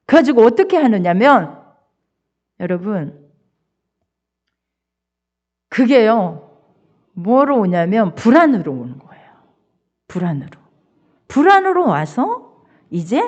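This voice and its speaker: An older woman pastor preaching a sermon, telling a family story in an animated, expressive way. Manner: animated, expressive storyteller with wide swings in pitch. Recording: dull lo-fi church recording.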